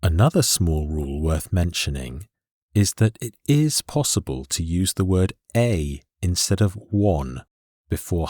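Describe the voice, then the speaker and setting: Slow, deep-voiced English teacher. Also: male voice, a little mellow, no room sound, clean studio sound. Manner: slow, clear and deliberate explanation. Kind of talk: scripted lesson narration.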